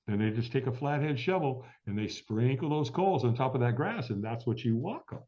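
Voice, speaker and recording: This middle-aged interview guest talks fairly quickly in an expressive, medium-pitched voice. His storytelling is vivid, with the quoted lines acted out and frequent laughter, though the recording itself sounds dull and lo-fi.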